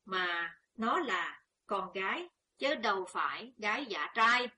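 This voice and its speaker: A woman's voice: medium pitch, sing-song, slow pace, sharp tone, breathy edge, exaggerated voice. A woman voicing a worried older peasant mother who scolds anxiously. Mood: alarmed.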